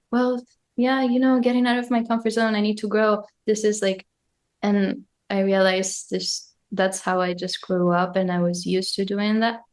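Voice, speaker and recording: A young woman from Argentina, a guest musician on a podcast, talking casually and reflectively and thinking aloud with lots of fillers. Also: medium pitch.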